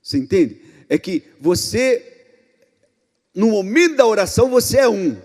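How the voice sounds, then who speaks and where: A Brazilian pastor preaching a sermon in an emphatic way, swinging between loud outbursts and hushed passages. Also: male voice, high voice, big pitch swings, measured pace. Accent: Brazilian Portuguese. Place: church hall. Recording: long reverb in a church hall.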